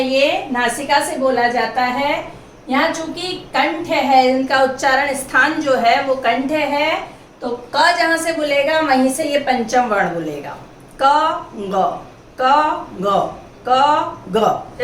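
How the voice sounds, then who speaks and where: Slow, high-voiced woman teaching Hindi grammar. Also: fairly bright tone. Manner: slow, patient, spells out each letter. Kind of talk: grammar lesson explaining consonants. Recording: echoey room, mic at a distance, faint hiss.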